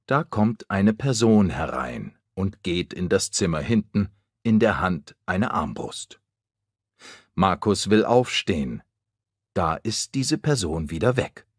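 A man narrating a scripted storybook for language learners, clear and deliberate. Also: low voice, big pitch swings, no echo, studio quality.

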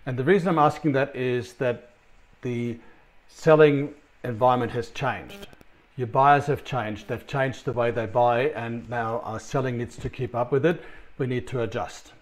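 A middle-aged Australian man with a medium-pitched, steady voice presents a recorded conference talk from his office at a measured pace. A sales consultant, he's chatty and conversational, with many ums and restarts.

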